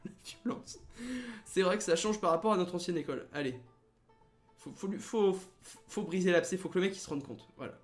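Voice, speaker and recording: A young man hosts a let's play with casual gaming commentary, reading the game text aloud and throwing in sarcastic, joking asides. His voice is high and a little fast, over soft background music.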